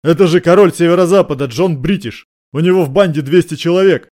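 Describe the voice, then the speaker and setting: A man's voice: on the high side, fast talker, a little mellow, pitched above the performer's own voice, natural voice. A man voicing a shaken, bloodied male police sergeant who reports in an agitated way. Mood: anxious. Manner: agitated, pleading.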